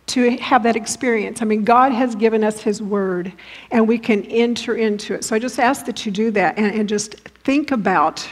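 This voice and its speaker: Woman preaching with a higher voice. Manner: vivid, inviting listeners to imagine scenes; asks the audience many direct questions. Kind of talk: sermon.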